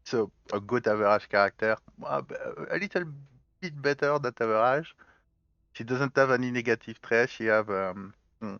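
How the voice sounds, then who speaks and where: A gaming channel host with a mixed French, Spanish and Galician accent gives let's play commentary, explaining his choices step by step as he thinks aloud. His mid-range voice is fairly bright and clean at a normal speed, in a dry, lo-fi recording.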